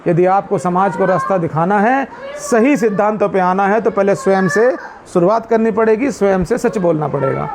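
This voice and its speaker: A man speaking to a seated community meeting about Buddhist teachings, putting questions to his listeners and answering them himself, and chanting Pali verses slowly. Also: high voice, background noise. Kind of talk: explanatory talk to a seated group.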